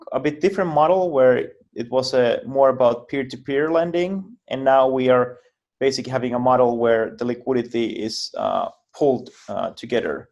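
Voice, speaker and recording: A man from Finland, speaking English, talks through technical ideas as an interview guest over a video call. His delivery is halting, full of repeated words and restarts as he builds each explanation. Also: medium pitch, darkish tone. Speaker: guest, project founder.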